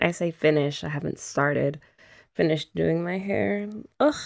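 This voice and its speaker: An ASMR creator with a low, gravelly voice plays a girlfriend in a scripted roleplay. The young woman chats playfully to her partner, teasing and laughing often.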